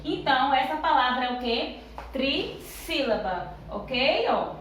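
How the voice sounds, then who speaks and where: A woman teaching a lesson to young children. She asks questions and answers them herself, and she counts syllables aloud slowly. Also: high-pitched, fairly bright tone, a little hiss or hum. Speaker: primary school teacher. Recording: very echoey room, voice far from the mic.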